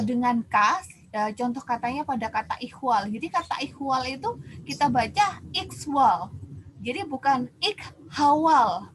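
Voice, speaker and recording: Woman lecturer, kinda high voice, walks thru sounds one by one, faint hiss behind. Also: low-quality recording. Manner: explains step by step, repeats words to demonstrate pronunciation. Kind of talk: university lecture on phonology.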